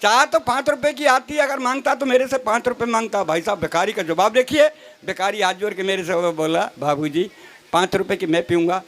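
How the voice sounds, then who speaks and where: High-voiced male comic poet on stage. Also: fairly quick, a bit bright. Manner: storytelling with mock dialogue, teasing fellow poets. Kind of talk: comic poetry recital. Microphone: stage microphone. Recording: live crowd behind the voice.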